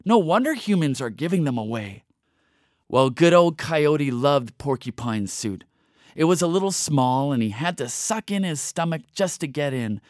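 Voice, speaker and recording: A man's voice: mid-range voice, no room sound, studio quality. Playful male storybook narrator. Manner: playful, expressive reading.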